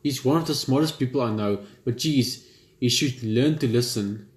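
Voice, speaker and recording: A man reading a horror visual novel aloud in the first person, steady but often stumbling and restarting lines. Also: mid-range voice, normal speed. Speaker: gaming channel host. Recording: roomy room with loud game music.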